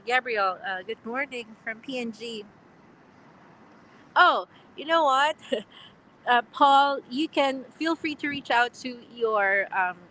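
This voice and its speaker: A woman's voice: on the high side, pushed and bright, slight background noise, rough recording. A young woman hosting a casual live question-and-answer stream outdoors, chatty, with frequent laughs and fillers. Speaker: livestream host. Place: outdoors on a platform.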